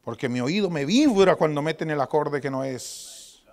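A man in his forties preaching a sermon as pastor in a church, dramatic, going from loud outbursts to hushed whispers. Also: on the high side, animated, moderate pace. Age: 40s.

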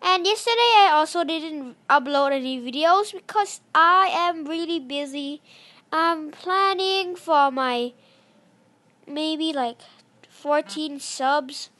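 A woman giving casual gameplay commentary, chatty and apologetic, breaking into excited shouts. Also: high-pitched, slow pace. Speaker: gaming channel host.

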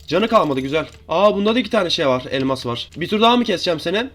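A young man giving chatty, excitable live commentary over his own gameplay as a gaming YouTuber, talking to viewers and opponents. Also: high voice, racing. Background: keyboard and mouse clicks.

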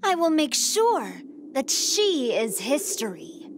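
A woman's voice: high-pitched, very animated, takes it slowly, noisy background, full character voice. A woman playing a haughty, menacing android scientist in a video game, condescending and cold.

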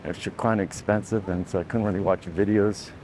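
Out walking past a beach and dirt roads, a man vlogs his travels on a handheld camera, shooting first-person. His deep voice comes out brisk with a little hiss or hum behind it, and he talks casually, meandering and self-correcting in an easy manner.

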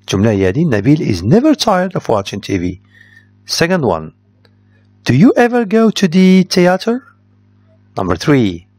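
A man's voice: fairly high pitch, wildly swooping pitch, moderate pace, long pauses, a little mellow, dry recording. A man, teaching English by reading out the answers of a test and explaining points in Darija. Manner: reads answers aloud, switches to Darija to explain. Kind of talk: test correction lesson.

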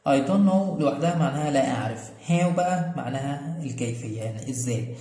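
An Egyptian man teaching an English lesson in a mellow, warm voice. He explains patiently, saying each word slowly and repeating it, then checks that everyone follows. The recording is roomy, with a long echo trailing his voice. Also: mid-range voice, lively intonation. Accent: Egyptian Arabic. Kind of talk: classroom-style lesson explanation. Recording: echoey room with long reverb.

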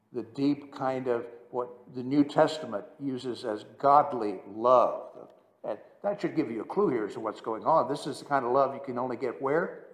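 A man preaching a sermon as pastor, teaching and explaining words, slowing down to stress scripture. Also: medium pitch, reverberant, big-room sound. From United States. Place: church sanctuary.

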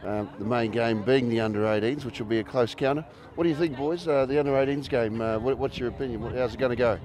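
A man's voice: mid-range voice, fast talker, a little mellow. Male stream host, hesitant delivery, plenty of ums and uhs. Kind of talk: casual interview.

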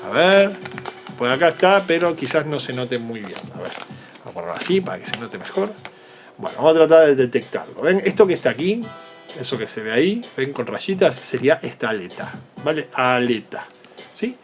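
Lively man explaining toys. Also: fairly high pitch, a little fast, creaky, faint music behind. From Argentina. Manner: patient, explanatory, keeps checking in with the viewers. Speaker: toy unboxing vlogger. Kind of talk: explaining to young viewers while unboxing.

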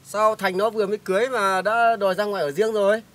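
A man's voice: high voice, fairly even intonation, fast talker, natural voice. A man playing a polite village head who rambles and hedges with many fillers, in an amateur short film. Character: polite village head sorting a family's property.

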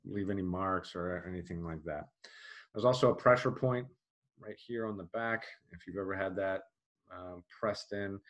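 A man teaching an EMT course in a casual lecture style, with frequent "um" and "uh" fillers. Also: low-pitched. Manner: casual, many fillers, plain explanatory. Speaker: EMT instructor. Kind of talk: recorded classroom lecture.

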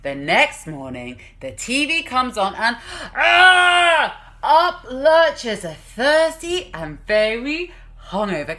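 A parenting vlogger in her thirties hosts a playful storytime from a small room at home. She reads aloud with theatrical, exaggerated emphasis and chatty asides, her medium-pitched voice pushed and bright.

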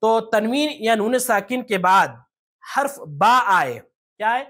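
A teacher giving a step-by-step lesson on reading the Quran. The teacher often asks rhetorical questions and spells out letter sounds slowly. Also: mid-range voice, lively intonation, a bit bright. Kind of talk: tajweed lesson.

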